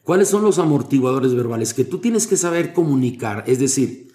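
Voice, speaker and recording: A man's voice: medium pitch, big pitch swings, fairly quick, mellow. A man, a preacher, being interviewed, explaining sermon craft with Bible quotes and everyday examples. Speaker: guest preacher. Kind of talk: conversational interview about preaching.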